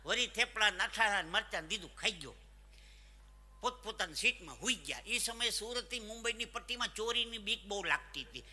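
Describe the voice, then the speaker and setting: Male folk comedian, high bright voice, live stage show with long hall reverb, animated punchlines. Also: a little fast. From Saurashtra, Gujarat. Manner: animated joke-telling, punchlines. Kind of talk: live stand-up storytelling.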